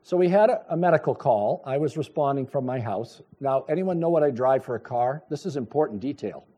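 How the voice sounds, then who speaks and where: A middle-aged man preaching a sermon, telling a personal story with lively storytelling and acted-out dialogue. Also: medium pitch, fairly quick. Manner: animated storytelling, acts out dialogue, chuckles. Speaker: pastor.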